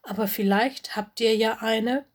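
A cheerful magical tree-spring from a storybook, bubbling and gleeful, as a woman puts it on. It talks about itself in the third person, slowly, in a high, slightly husky voice. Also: fairly even intonation. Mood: bubbly. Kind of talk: storybook reading.

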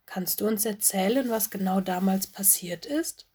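A woman's voice: mid-range voice, moderate pace, mellow, breathy edge, natural voice. A woman doing a curious, eager young wildcat girl. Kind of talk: storybook reading.

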